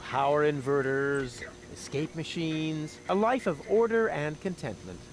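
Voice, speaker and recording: Animated, cocky young game hero. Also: male voice, fairly high pitch, unhurried, a little hiss or hum, low-quality recording. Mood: glib, curious. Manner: glib, hesitant stammering when challenged. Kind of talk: animated adventure game dialogue.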